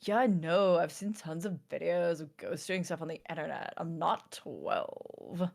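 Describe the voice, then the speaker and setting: A woman's voice: on the low side, animated, unhurried, creaky, darkish tone, heavily acted. A woman doing a surfer-dude voice for a scoffing young man. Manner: laid-back surfer drawl.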